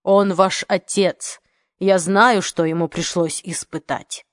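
A woman reading the part of an aging gangster, speaking slowly and coldly in a lowered voice. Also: steady tone, dry recording, clean studio sound. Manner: slow, measured, menacing. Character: aging old gangster, cold and menacing man.

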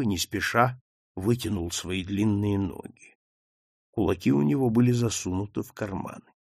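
A man's voice: mid-range voice, vocal fry, no echo, studio quality. A man narrating an audiobook story with a dramatic, vivid reading. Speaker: audiobook reader.

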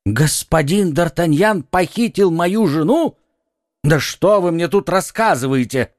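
A man's voice: lively intonation, measured pace, no room sound, studio quality. A man voicing a frightened, pleading middle-aged shopkeeper in an audiobook reading. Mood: indignant. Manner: high, anxious, exclaiming pleas.

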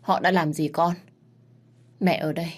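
A woman's voice: on the low side, fairly even intonation, a little slow. A woman voicing a grieving royal mother in a read-aloud story, wailing in anguish.

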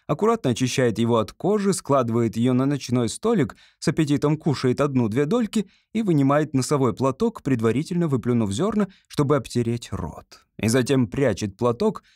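Animated male audiobook narrator. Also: medium pitch, brisk, hardly any pauses, no echo, clean studio sound. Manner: animated, theatrical storytelling.

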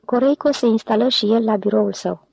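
A woman narrating an audiobook in a measured, expressive reading. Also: fairly high pitch, vocal fry, breathy edge, no room sound. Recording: slightly dull dry recording.

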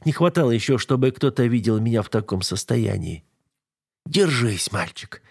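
A male narrator with a husky, mid-pitched voice reads a first-person audiobook. His delivery is tense and dramatic. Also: expressive, fairly quick, a little mellow, no room sound, studio quality.

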